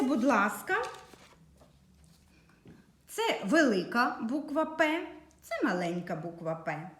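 A woman teacher giving a slow, patient reading and writing lesson to young children. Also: medium pitch, a bit bright, echoey room, a little hiss or hum. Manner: slow, clear, patient dictation to young pupils. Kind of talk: early literacy lesson for children.

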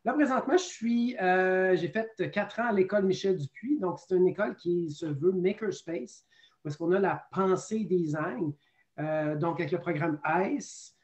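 Man, Quebec French accent, high voice, lively self-mocking teacher, dull lo-fi sound. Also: moderate pace. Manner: lively, self-deprecating, many fillers. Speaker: teacher guest. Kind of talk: webinar testimony. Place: home office.

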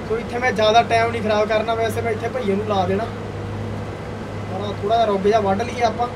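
A man's voice: high voice, little pitch movement, fast. A young man giving casual gameplay commentary, full of hearty, exclamatory banter aimed at his viewers. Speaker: gaming video host. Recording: distant mic, faint background noise.

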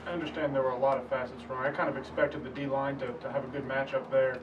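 Fast-talking reporter on a dull distant mic. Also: male voice, mid-range voice, level tone, background noise. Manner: conversational, follow-up questions. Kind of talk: press conference question.

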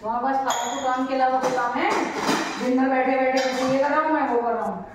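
High-voiced mother scolding from across an echoey kitchen. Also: fairly even intonation, a little fast, noisy background. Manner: scolding and mockingly dismissive. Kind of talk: casual home chat. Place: home kitchen. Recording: echoey kitchen, far from phone mic.

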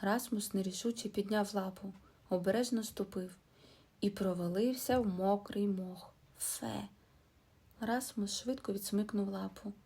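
A woman reads a children's fairy tale aloud in a soft, mellow voice. Her tone is slightly husky, and she brings the characters to life with lively voices. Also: mid-range voice, normal speed. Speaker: storyteller.

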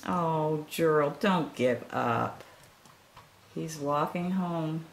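A woman reading a children's picture book aloud, pausing to sympathize and ask the listeners questions. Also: low-pitched, vocal fry, a little hiss or hum. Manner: gentle, asks listeners questions; sympathetic, comments between pages. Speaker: storytime reader.

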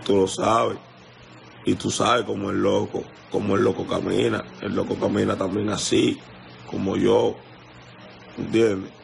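Young Dominican man, livestream call-out, low gravelly voice, repetitive and confrontational, faint background hiss. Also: level tone, a little slow. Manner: confrontational, repetitive, keeps asking "you understand?". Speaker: musician addressing a rival. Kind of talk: heated livestream rant. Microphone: phone livestream.

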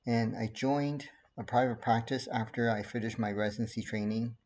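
Casting: man in his forties, from Taiwan, slightly low voice, earnest, measured, self-recorded webcam talk at home. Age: 40s. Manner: calm, earnest, measured with frequent fillers. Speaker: pediatrician. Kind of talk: casual talk to camera. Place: living room at home. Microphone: laptop webcam.

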